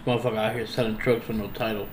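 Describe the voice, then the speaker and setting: A man's voice: fairly low pitch, little pitch movement, racing. A man chatting casually with friends in loose, slangy, streetwise talk peppered with swearing. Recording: roomy echo, faint background noise.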